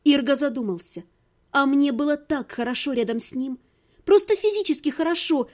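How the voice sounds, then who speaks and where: A woman's voice: high-pitched, lively intonation, normal speed. A woman narrating a first-person audiobook, telling the story evenly and expressively.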